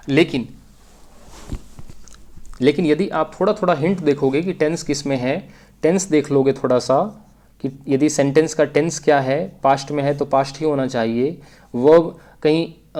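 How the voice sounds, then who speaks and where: A man's voice: fairly high pitch, darkish tone. A man teaching an exam-prep English grammar lesson, explaining step by step and repeating key phrases.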